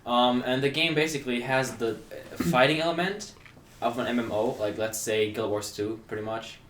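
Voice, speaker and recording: A man's voice: mid-range voice, normal speed, fairly bright tone, echoey room, slight background noise. A young man co-hosting a casual gaming podcast, rambling with many fillers. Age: young adult. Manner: rambling, laid-back, lots of fillers. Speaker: podcast co-host.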